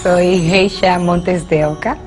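A woman in her twenties from the Republic, calmly introducing herself. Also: lowish voice, slow, faint music behind. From Dominican Republic. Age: 20s. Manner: composed self-introduction.

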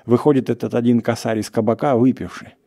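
A man narrating a classic short story in a steady, measured storytelling manner. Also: medium pitch, vocal fry. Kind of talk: literary reading of a classic story.

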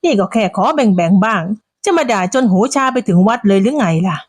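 A woman voicing a bossy, teasing elderly village woman who talks in a shrill, dismissive way. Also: animated, brisk, dry recording, natural voice. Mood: mocking.

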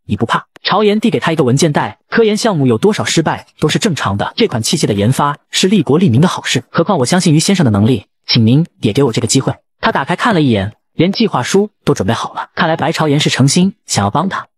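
A man narrates a romance comic in a husky voice. His delivery is brisk, with lively rises and falls, and he slips into the characters' lines without pausing. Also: fairly high pitch, no room sound. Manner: rapid, lively storytelling with brief voiced quotes. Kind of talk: fast audio-comic narration.

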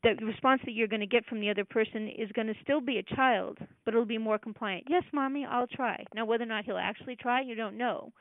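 A woman's voice: on the high side, steady tone, quick pace, hardly any pauses, no echo. A woman presenting a casual talk, explaining ideas conversationally and acting out parent and child voices in quotes. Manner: conversational, with many fillers and restarts. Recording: dry, tinny phone-like audio.

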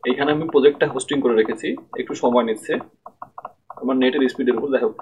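A man's voice: mid-range voice, steady tone, rapid-fire, lo-fi sound, noisy background. A man giving a screen-recorded programming tutorial at his computer, explaining step by step and often checking that listeners follow.

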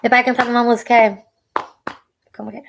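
A young Brazilian woman with a husky voice, hosting a casual live Q&A, chatting and reading viewer questions aloud, sometimes dropping to a hush. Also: a little high, level tone, fast talker. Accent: Brazilian Portuguese. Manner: chatty, reads viewer comments aloud, drops to a hushed voice for private topics. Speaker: live-stream host answering viewer questions.

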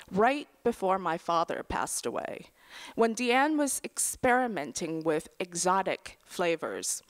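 A middle-aged woman reading her own memoir essay aloud at a lectern in a large auditorium, dry and wry, with soft trailing phrase endings. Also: fairly low pitch. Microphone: lectern microphone.

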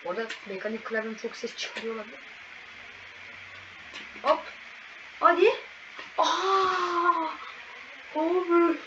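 A woman commentating a video game as she plays, excitable and exclaiming at every fail and win. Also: very high voice, takes it slowly, long pauses. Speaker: gaming channel host. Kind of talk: live gameplay commentary. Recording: distant, muffled mic with loud background noise.

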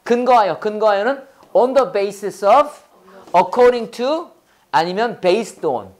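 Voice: medium pitch, expressive, a little mellow. An English teacher running a Bible-based lesson, quizzing the class and drilling phrases in call-and-response. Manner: quizzing, repeats phrases slowly for learners.

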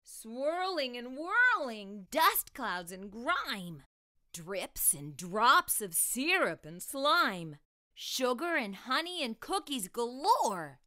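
A middle-aged storytime host reads aloud to young children with expressive, deliberate delivery. Her voice is on the high side, picked up by a lapel mic.

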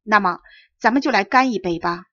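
A woman's voice: medium pitch, fairly quick, bright, forceful tone. A woman voicing a rude greedy boar. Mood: impatient. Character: rude greedy male wild boar, smoking. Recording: dry dull close recording.

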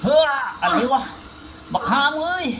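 A woman giving rowdy, crude, joking let's-play commentary that turns into excited shouting when things get tense. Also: a little slow, a crowd in the background. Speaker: gaming streamer.

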